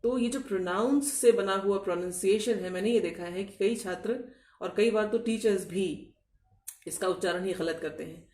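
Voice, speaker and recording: A woman's voice: mid-range voice, normal speed, a little mellow, recorded from a distance. Woman, English teacher, patient explainer who quizzes back key words, recorded a bit off-mic in a roomy space. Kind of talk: scripted video lecture. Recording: echoey room, voice off-mic.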